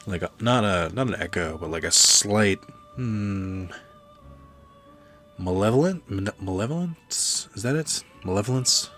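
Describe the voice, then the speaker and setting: A man's voice: fairly low pitch, animated, measured pace, a bit bright. A man streaming a video game, giving casual, sweary, opinionated commentary with a sardonic edge. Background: game music.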